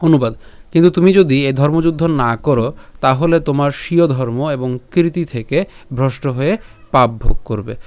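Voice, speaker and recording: A man's voice: medium pitch, normal speed, a little mellow, no room sound. A man teaching the pronunciation of a Sanskrit verse step by step, patiently repeating syllables and asking rhetorical questions.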